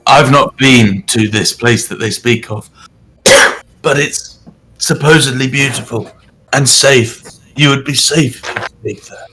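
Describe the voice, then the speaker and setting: A man's voice: mid-range voice, a little slow, sharp tone, soft background music, low-quality recording. A man playing a tabletop game, making an earnest in-character plea.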